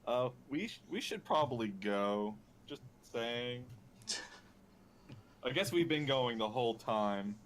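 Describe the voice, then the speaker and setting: A man's voice: medium pitch, expressive, slow pace, slight background noise. A man playing a tabletop game, speaking casually and a bit tentatively. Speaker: player.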